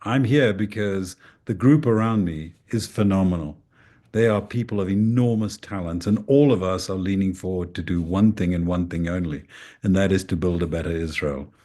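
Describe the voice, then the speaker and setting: A man with a very low voice introduces himself as a panelist at an event. He speaks earnestly and puts emphasis on his points. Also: normal speed, warm tone. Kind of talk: speech at an event.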